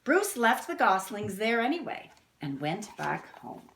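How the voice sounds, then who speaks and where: Expressive woman reading to children, roomy sound. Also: medium pitch, a little slow, vocal fry, slight background noise. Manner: expressive, explanatory, child-directed. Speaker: teacher reading picture books to young children. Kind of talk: read-aloud storytelling with asides to children. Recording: roomy indoor echo.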